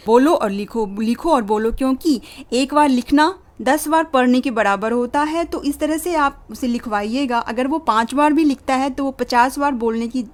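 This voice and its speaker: A young woman hosting a parenting channel shows parents how to teach spelling, sounding words out slowly letter by letter. Her voice is fairly high, and she mixes English words into her Hindi throughout this instructional talk.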